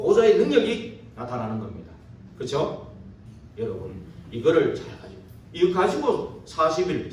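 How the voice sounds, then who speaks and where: A man's voice: medium pitch, slight background noise. A man preaching a sermon as a pastor, posing rhetorical questions and checking agreement with the congregation through tag questions. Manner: poses rhetorical questions to the listeners. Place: church sanctuary during a service. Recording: very echoey church hall from far off.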